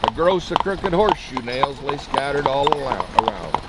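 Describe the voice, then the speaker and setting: A man's voice: medium pitch, big pitch swings, normal speed. A man with an American cowboy twang and folksy drawl, reciting cowboy poetry and telling stories. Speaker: cowboy poet. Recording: very noisy live recording with clicks.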